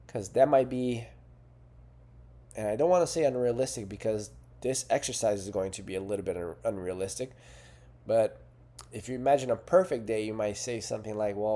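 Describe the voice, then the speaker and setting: A man with a mellow voice on the low side delivers coaching talk to camera as a fitness and life coach. He is earnest and conversational, and he frequently asks rhetorical questions.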